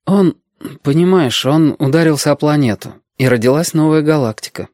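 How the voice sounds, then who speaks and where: A man's voice: fairly high pitch, normal speed, a little mellow, no echo, studio quality, pitched above the performer's own voice, natural voice. A man reading a story aloud and voicing an eager sixth-grade boy who patiently explains things to a girl. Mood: eager, explaining.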